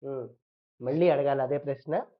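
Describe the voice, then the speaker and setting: A woman's voice: rumbling low, moderate pace, highs cut off. Woman preaching with pointed rhetorical questions. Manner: fires rhetorical questions at listeners; acts out churchgoers in quoted asides. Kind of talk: sermon.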